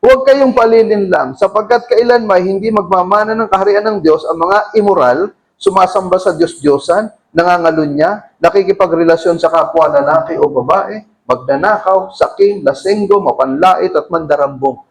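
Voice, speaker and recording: A middle-aged man with a Filipino accent delivers a sermon, moving freely between Tagalog and English. His voice sits high for a man, and he punches key words with sudden raised bursts of emphasis. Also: normal speed, rough recording. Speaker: pastor.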